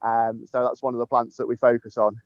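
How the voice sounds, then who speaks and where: Chuckling often between ums, the head gardener gives a casual tour of his sunny garden, filming on a handheld phone while walking. His voice is mid-range, level, brisk and a little mellow, with no room sound and dull audio.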